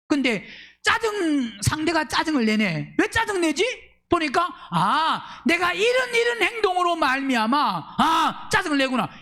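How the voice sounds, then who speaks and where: Lively high-pitched male pastor preaching. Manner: fires rhetorical questions at the congregation; swings between loud emphatic bursts and low asides. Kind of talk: Sunday sermon.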